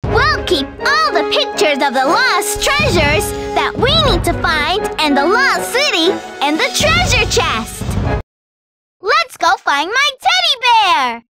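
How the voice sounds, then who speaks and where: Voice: very high-pitched, very animated, slow, heavily acted. Dora, a bubbly girl explorer. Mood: upbeat. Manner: upbeat, coaxing the player along. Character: cheerful young girl explorer. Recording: loud game music behind.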